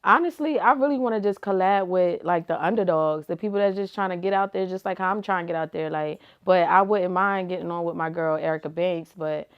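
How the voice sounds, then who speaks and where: A young woman, a rapper and reality TV personality, answers interview questions as a guest in a casual, slangy, laid-back way, peppering her speech with "like" and "you feel me." Her voice is lowish and smooth, and she talks briskly with few pauses. The recording has a lo-fi quality.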